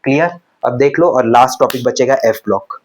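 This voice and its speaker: A man teaching chemistry in a casual lecture style. He talks conversationally and keeps firing quick questions at students, then answers them himself. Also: medium pitch, rough recording. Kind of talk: classroom lecture.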